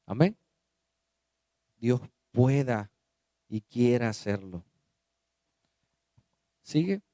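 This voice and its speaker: A man preaching a sermon as pastor. He keeps asking the congregation rhetorical questions and swings between quiet low passages and loud emphatic ones. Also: expressive, extremely slow, no room sound, studio quality.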